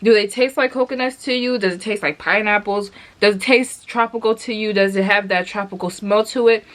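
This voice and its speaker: A woman's voice: mid-range voice, brisk, a bit bright. Chatty woman reviewing a product. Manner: chatty, rambling, frequent fillers and restarts; addresses viewers directly, asks many questions. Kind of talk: casual product review vlog.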